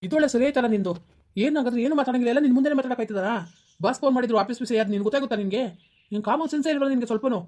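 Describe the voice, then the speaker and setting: A woman's voice: on the high side, darkish tone, close to an everyday voice. A woman playing an irritable, defensive young husband who scolds his wife in a village comedy skit. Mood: irritated. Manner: snappish, scolding, quick-talking.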